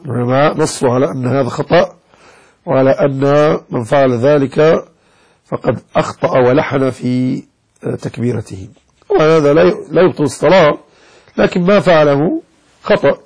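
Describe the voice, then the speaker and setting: A man's voice: a little high, normal speed, darkish tone, breathy edge, low-quality recording. A man teaching a religious lesson, explaining a legal text and demonstrating how words should be pronounced, with a Moroccan Arabic accent. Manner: explanatory, demonstrates pronunciations, addresses listeners directly. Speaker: sheikh teaching Maliki jurisprudence.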